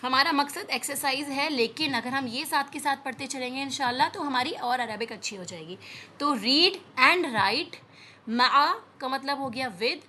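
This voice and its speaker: A woman teaching an Arabic lesson, reading words slowly and explaining them patiently with frequent checks on understanding. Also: high voice, pushed and bright, a little hiss or hum. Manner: explains patiently, repeats words, often says "theek hai" to check understanding. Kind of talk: classroom lesson.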